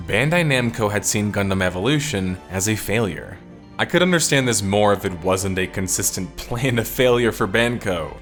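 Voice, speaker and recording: A man delivers scripted video-essay commentary in a fairly low voice. His voice sounds tired and strained, and his delivery is opinionated and wry. Faint music plays quietly beneath the narration. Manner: opinionated, wry, detective-themed wrap-up.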